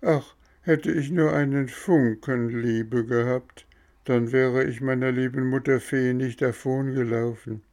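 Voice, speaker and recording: A man's voice: fairly even intonation, measured pace, a little mellow, lightly acted. A man voicing a frightened boy puppet who is turning into a donkey, whiny and pleading. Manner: whiny and pleading, voice raised high.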